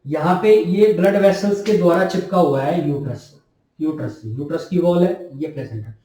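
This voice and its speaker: A male nursing tutor speaks at normal speed in a warm, fairly high-pitched voice during a classroom lecture. He repeats key terms and questions himself, then answers, all heard through a distant mic in an echoey room.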